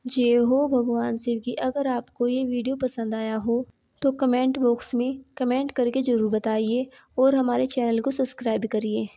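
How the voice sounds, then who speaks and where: Woman storyteller, high and flat, devotional folk tale, steady plain delivery, muffled lo-fi sound. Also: moderate pace.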